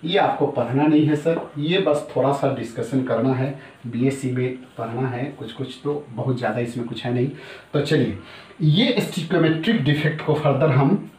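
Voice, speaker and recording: A middle-aged man with a medium-pitched, slightly mellow voice gives a chatty chemistry lecture, repeating each term and calling his students sir. He's recorded from a distance in an echoey room.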